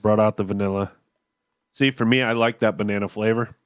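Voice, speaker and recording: On a whiskey podcast full of casual chat and reviews, this male co-host tells jokes and rambling stories while coughing and sounding congested. He speaks fairly quickly in a lowish, steady, clean voice, recorded in studio quality without echo.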